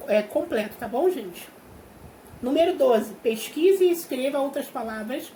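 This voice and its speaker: High-voiced Brazilian woman teacher, patient. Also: darkish tone. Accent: Brazilian Portuguese. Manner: patient, slows down and stretches words to show syllables. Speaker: primary school teacher. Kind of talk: remote class explanation. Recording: echoey room with faint hiss.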